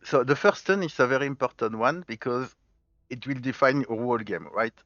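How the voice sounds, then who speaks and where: In a dry recording with dull audio, a man who hosts a gaming channel talks through a let's play fairly quickly. His mid-range voice is a bit bright, carrying a blend of French, Spanish and Galician accents as he thinks aloud and explains each choice step by step.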